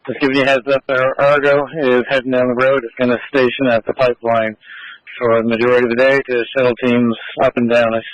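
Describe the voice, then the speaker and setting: Male radio coordinator, mid pitch, static bursts on a muffled dispatch channel, repeats himself plainly. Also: level tone, quick pace, no echo. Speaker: search traffic coordinator on radio. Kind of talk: two-way radio dispatch talk. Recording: dull, dry two-way radio audio.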